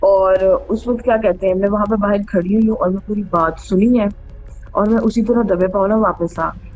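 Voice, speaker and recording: At a moderate pace, a woman with a steady, darkish mid-range voice casually relates personal stories as host of a true ghost story show, weaving in English phrases. The band-limited audio sounds dull, with music in the background.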